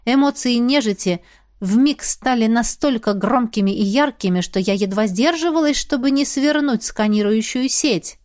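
A woman giving an expressive, dramatic reading as a fantasy audiobook narrator. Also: a little high, moderate pace, no echo, clean studio sound.

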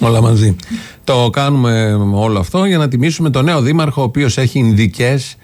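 A man's voice: medium pitch, animated, over music. A male radio presenter giving plain commentary on the news.

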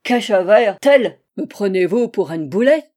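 A woman reading a storybook voices a drunken, bullying male spirit with a thick German accent who slurs and mangles his consonants loudly. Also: mid-range voice, lively intonation, a little slow. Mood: blustering. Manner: slurred mangled consonants, loud and blustering.

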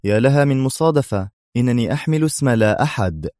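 A man voicing a cool, sarcastic male secret agent who talks with calm, mocking ease. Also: medium pitch, quick pace, no echo, studio quality, pitched above the performer's own voice, close to an everyday voice.

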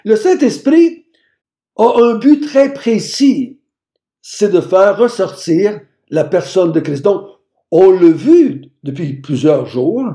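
A man's voice: sits high, sing-song, slow, mellow, roomy sound. A man teaching a Bible passage, emphatic and repeating phrases for stress. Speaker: preacher.

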